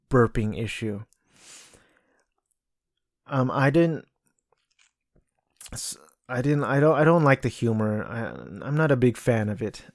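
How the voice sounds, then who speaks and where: Man, casual solo podcast host, slow rambling talk, frequent restarts, dry close sound. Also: mid-range voice, darkish tone, no room sound. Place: cluttered room at home.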